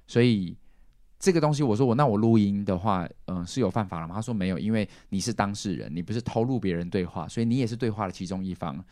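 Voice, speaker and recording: Guy podcasting, rattles off stories quick, lowish voice, dry close sound. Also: no echo. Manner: animated, acts out quoted relatives. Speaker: podcast host. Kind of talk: casual podcast storytelling.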